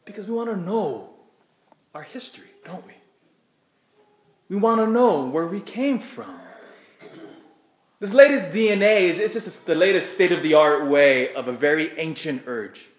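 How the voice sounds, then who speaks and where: A man's voice: a little high, lively intonation, unhurried, long pauses. An American man preaching as a priest in church, addressing the congregation directly in a conversational way. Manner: asks the congregation questions, repeats phrases. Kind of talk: Gospel reading and conversational homily. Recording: echoey church.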